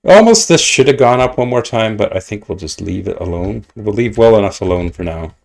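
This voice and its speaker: Gravelly-voiced man streaming a game. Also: lowish voice, expressive, fairly quick, darkish tone. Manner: rambling, self-mocking, mutters asides to himself. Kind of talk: casual gameplay commentary. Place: at home at his computer.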